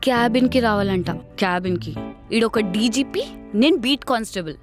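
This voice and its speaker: An actress playing a lazy, sarcastic office worker who answers everyone with wisecracks. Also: female voice, a little high, expressive, brisk, over music, close to an everyday voice. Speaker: office employee avoiding work. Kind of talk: web series acting.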